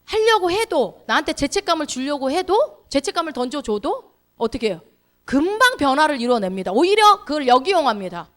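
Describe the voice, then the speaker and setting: A woman's voice: high voice, very animated, brisk, fairly bright tone. A woman pastor giving a sermon, asking the congregation questions and then answering them herself, and acting out people's inner thoughts. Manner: acts out inner thoughts in quoted speech.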